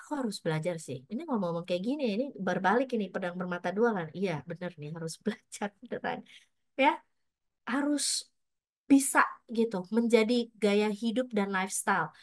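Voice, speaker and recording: A woman's voice: medium pitch, animated, moderate pace, dry recording. A middle-aged woman pastor giving a casual, chatty sermon full of personal stories, mixing in English words.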